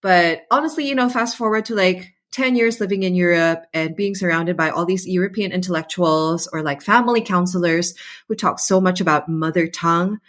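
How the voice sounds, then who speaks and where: A woman from the Philippines with a deep, sultry voice, a former voice-over artist, chatting and reflecting in a casual conversation. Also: a little fast, a bit bright. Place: at home in Zurich.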